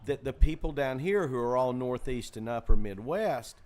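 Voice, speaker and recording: A man's voice: mid-range voice, animated, moderate pace, darkish tone. A man who runs a comedy club, chatting casually in a green room, telling long stories full of fillers and restarts. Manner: rambling, lots of fillers and restarts. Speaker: comedy club owner, co-host. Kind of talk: casual storytelling chat.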